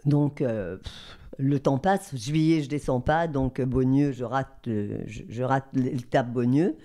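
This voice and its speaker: Mellow-voiced older woman telling stories. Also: a bass voice, a little slow. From southern France. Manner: lively, acts out the people she quotes. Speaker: guest, voice actress. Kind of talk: anecdotal storytelling.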